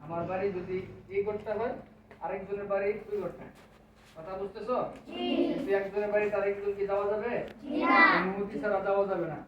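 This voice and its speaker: A man's voice: sits high, little pitch movement, brisk, pauses often. A man teaching a class of children, asking them questions again and again and repeating key words. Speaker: teacher of Quran recitation. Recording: echoey room, distant mic, dull, noisy.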